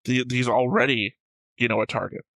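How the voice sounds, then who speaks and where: He hosts an anime reaction show and speaks at a moderate pace in a very bright, forceful, gravelly voice at middle pitch, with a sing-song lilt. Recorded close and dry, he argues plot theories casually, reasoning out loud and swearing.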